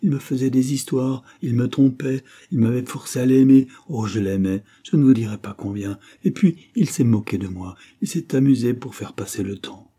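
A man's voice: fairly low pitch, moderate pace, mellow, breathy edge. A man voicing a proud, wild, distraught dying woman in an audiobook, vehement and prone to angry outbursts. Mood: agitated, anguished. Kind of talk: audiobook character reading.

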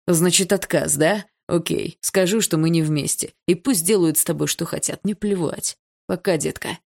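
A woman voicing a cocky, mocking teenage boy in an audiobook, with a slow, drawling, taunting delivery. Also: lowish voice, vocal fry, a little mellow. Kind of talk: audiobook character voice.

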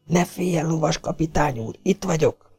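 A man playing a gruff rifle-carrying legionnaire guard. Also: on the high side, soft background music, pitched above the performer's own voice. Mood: hushed whisper. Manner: switches between hushed whisper and barked orders.

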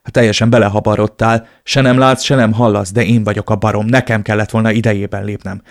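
A man's voice: on the low side, close to an everyday voice. A man reading an audiobook, voicing a blunt, loyal male friend who scolds and urges with emphatic, raised delivery. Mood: scolding.

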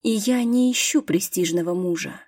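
A woman voicing a proud young female student who answers in a quiet, firm, measured way. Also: mid-range voice, husky, lightly acted. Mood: quietly firm.

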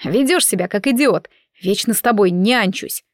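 A woman's voice: medium pitch, normal speed, dry recording, clean studio sound, close to an everyday voice. Woman reading a cold, protective young man. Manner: cold, clipped.

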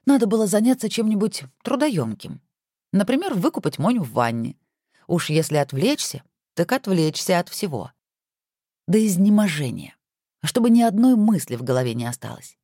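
Woman audiobook narrator, low voice, dry close sound, very expressive. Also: moderate pace, no echo.

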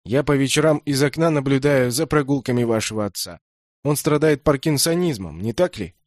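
A man voicing a gruff, elderly retired doctor who lectures and scolds. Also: mid-range voice, fairly quick, dry recording, clean studio sound, pitched above the performer's own voice, close to an everyday voice. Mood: grumbling.

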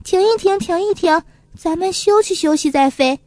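A woman voicing a busy, kindly grown female magpie in a storybook reading, brisk and warmly teasing. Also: very high voice, no room sound.

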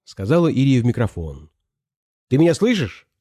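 A man reading an audiobook, voicing a young wife who speaks warmly and anxiously. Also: mid-range voice, big pitch swings, normal speed, slightly rough, dry recording, studio quality. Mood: urgent. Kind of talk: audiobook character voice.

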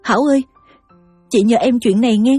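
A woman's voice: on the high side, fairly quick, warm tone, breathy edge, no room sound, studio quality. An actress with a Southern Vietnamese accent playing a poor, devoted young mother who speaks politely and pleadingly, over faint music. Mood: humble.

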